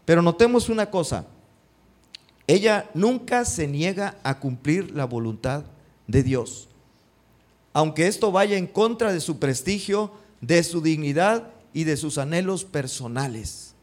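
A man preaches a sermon, reading scripture aloud and repeating its key lines. He keeps turning to the congregation with rhetorical questions. His voice sits on the higher side for a man. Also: lively intonation, measured pace.

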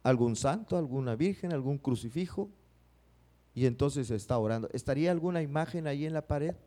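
A man's voice: medium pitch, animated, brisk, mellow. A man preaching a sermon, acting out prayers and putting questions to the congregation.

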